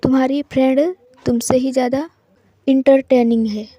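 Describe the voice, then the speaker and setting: A woman's voice: high voice, steady tone, normal speed, mellow, no echo, muffled recording. Arohi, a polite witty young doctor, read by a woman. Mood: friendly.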